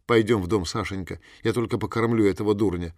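A man reading an audiobook and voicing a middle-aged man who speaks curtly and commandingly, gruff yet tender. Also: fairly low pitch, fairly even intonation, fast talker, darkish tone, no room sound, clean studio sound, lightly acted.

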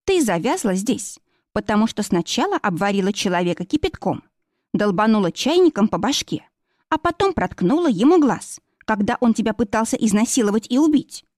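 A woman doing a sharp-tongued bossy woman. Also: mid-range voice, sing-song, a little fast, dry recording, studio quality, close to an everyday voice. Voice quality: curt, snappish.

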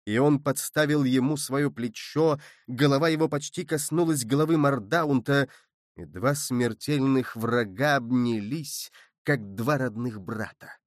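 A man reading an audiobook as narrator, in measured, steady storytelling from a close mic. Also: mid-range voice, dry recording. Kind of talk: scripted narration.

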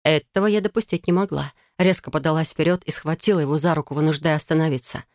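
A woman's voice: deep voice, fast, a little mellow, no echo, clean studio sound. A woman narrating a novel in the first person, intimate and confessional. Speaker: audiobook narrator.

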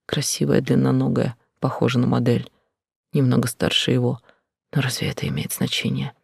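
A man narrating a first-person novel in a quiet, intense, often whispered delivery. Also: mid-range voice, flat delivery, fairly quick, creaky, slightly rough, dry recording, clean studio sound. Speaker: audiobook narrator.

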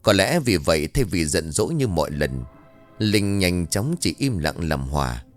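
A man narrating a ghost story in an expressive, lively way from a script. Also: sits low, normal speed, faint music behind.

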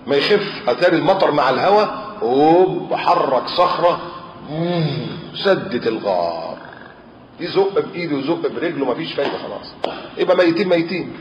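Fast, animated Egyptian preacher. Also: male voice, a little high. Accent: Egyptian Arabic. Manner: animated, asks and answers his own questions. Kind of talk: colloquial sermon storytelling. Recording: roomy, dull lo-fi recording.

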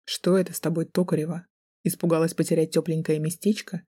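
A man's voice: level tone, fast talker, husky. A woman voicing a taunting young man. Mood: menacing. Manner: taunting, low and soft-spoken. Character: mocking, menacing young male student. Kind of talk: audiobook character voice.

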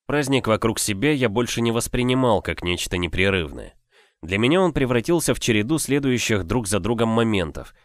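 Low-voiced man reading a novel aloud. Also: no echo, studio quality. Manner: measured, expressive reading. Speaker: audiobook reader. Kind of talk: first-person novel narration.

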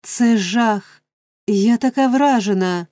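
A woman's voice: fairly high pitch, slow, mellow, no echo, studio quality. A woman reading a storybook, voicing a fussy middle-aged matron who speaks breathlessly and theatrically. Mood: distressed.

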